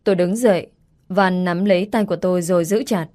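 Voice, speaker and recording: A woman, reading a first-person story calmly. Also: fairly low pitch, a little fast. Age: 20s.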